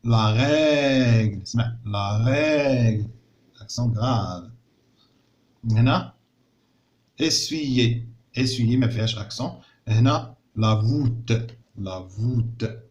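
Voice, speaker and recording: A man's voice: mid-range voice, a little mellow, highs cut off. Moroccan male teacher drawing out words. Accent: Moroccan Arabic. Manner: slow, drawn-out word repetition; explains French words in Arabic. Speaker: primary school teacher. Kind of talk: recorded classroom lesson.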